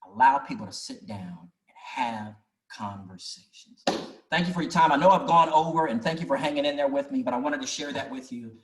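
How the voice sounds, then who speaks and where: Man, earnest storyteller, mid pitch, echoey room on a video call. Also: fairly quick. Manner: earnest, folksy, with many restarts. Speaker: speaker at an online community meeting. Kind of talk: storytelling presentation. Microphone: video call mic.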